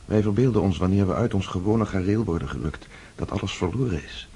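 A man's voice: low-pitched, lively intonation, brisk, vocal fry, dark tone. An actor playing Pierre, an earnest man back from war captivity, speaking in a reflective, emotional way in a radio drama. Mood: fervent.

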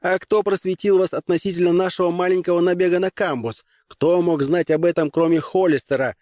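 A man's voice: high voice, fairly even intonation, fairly quick, darkish tone, no echo, studio quality, pitched above the performer's own voice, close to an everyday voice. A man doing a hot-tempered young starship captain. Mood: defiant. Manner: heated, defiant, barking.

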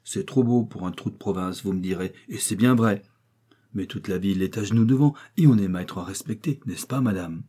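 A man's voice: on the low side, fairly quick, dark tone, slightly rough. A man reading an audiobook voices a snobbish, boastful wealthy provincial lady with an affected manner. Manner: affected, prattling, fishing for agreement.

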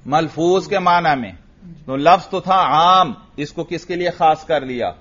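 A man's voice: on the high side, a bit bright, muffled recording. A man teaching a lecture class, explaining step by step and asking himself questions before answering them. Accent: Urdu. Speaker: teacher of Arabic grammar.

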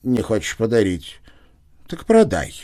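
Man doing a smooth, evasive schemer. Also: on the low side, huge pitch swings, measured pace, mellow. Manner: wheedling, evasive, easily offended.

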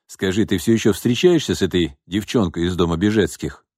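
A man's voice: deep voice, brisk, a little mellow, husky, no room sound, studio quality. A man reading a story and voicing a domineering, scheming older father who talks bluntly and mockingly. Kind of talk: audiobook reading.

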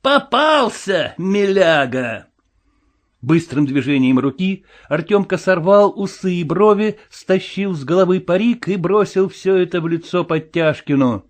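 Male storyteller, high-pitched, dramatic delivery with hushed lows. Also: moderate pace, hardly any pauses. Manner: expressive, swinging between loud and hushed. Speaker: narrator. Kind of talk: dramatic audiobook reading.

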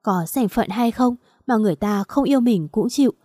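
A woman voicing a meek young schoolteacher who speaks softly and deferentially. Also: on the high side, a little fast, dry recording, clean studio sound, close to an everyday voice. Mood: hurt. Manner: soft and deferential.

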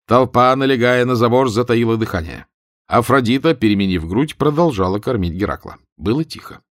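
A man narrating humorous prose as an audiobook reader, telling it with expressive irony. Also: lowish voice, dry recording, clean studio sound. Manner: expressive, ironic storytelling.

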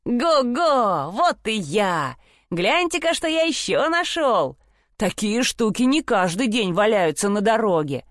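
A woman voicing a cheerful, simple-minded young peasant lad in a storybook reading, loud and boastful. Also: medium pitch, lively intonation, moderate pace, hardly any pauses, dry recording, clean studio sound, close to an everyday voice. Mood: rowdy glee. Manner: boisterous, whooping, boastful.

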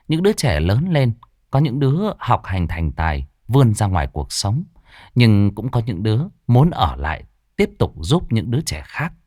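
A man narrating a story with a steady, dramatic reading. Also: fairly low pitch, no echo, clean studio sound.

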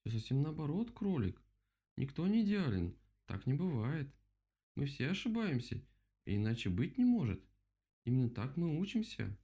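Gentle wise she-bear voiced by a man, reassuring, mellow tone, storybook. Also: mid-range voice, sing-song, normal speed, breathy edge, pitched above the performer's own voice. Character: calm, wise, kind female bear.

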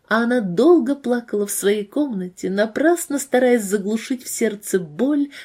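Brief: a woman reading a faith story, gentle and emotional, with a husky, mellow voice. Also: fairly high pitch. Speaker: narrator.

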